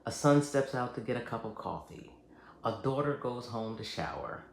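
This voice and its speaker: A man with a creaky, gravelly voice presents scripted educational material as a hospice nurse. His delivery is measured, earnest and reassuring. The recording is roomy and echoing, with faint noise behind him. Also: medium pitch, lively intonation. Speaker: hospice nurse and channel host. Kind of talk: scripted educational narration to camera.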